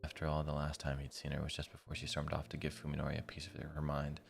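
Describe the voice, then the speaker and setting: A live streamer with an extremely low, deep, gravelly voice and heavy fry reads a visual novel aloud fast and in a monotone. He switches between narrating the text and making slangy, informal asides, with music playing behind him.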